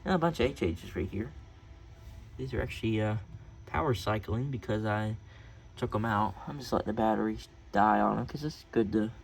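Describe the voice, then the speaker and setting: At home, an American man casually shows off his radio collection without a script. He rambles and hesitates, correcting himself often, in a medium-pitched, slightly mellow voice.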